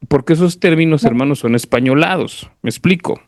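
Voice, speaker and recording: A Mexican-accented preacher at a church service talks fairly quickly in a slightly high voice with a darkish tone. His informal, didactic sermon includes Bible reading, and he often checks that listeners follow. The studio-quality recording has no room sound.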